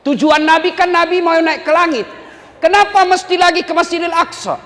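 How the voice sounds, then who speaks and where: A man voicing a puzzled young university student who presses his teacher with high, insistent questions, heard in an echoey hall. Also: moderate pace, bright, forceful tone. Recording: echoey hall with long reverb.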